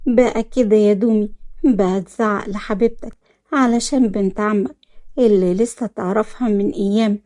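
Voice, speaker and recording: A woman's voice: mid-range voice, fairly even intonation, normal speed, warm tone, close to an everyday voice. A woman with an Egyptian accent voicing a jealous, manipulative young woman who whines and pleads. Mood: scheming.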